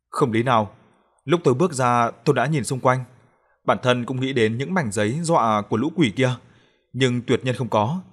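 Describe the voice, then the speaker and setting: A man reading a first-person horror story aloud as an audiobook narrator, in a calm, steady way. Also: medium pitch.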